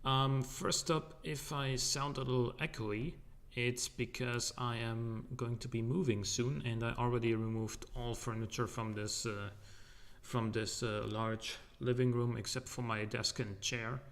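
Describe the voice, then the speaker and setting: A man's voice: medium pitch, steady tone, measured pace, fairly bright tone. A man streaming a game in loose, rambling casual commentary, his voice echoing in a large, empty living room. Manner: rambling, loose and joking, with many fillers. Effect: echo from a large empty room.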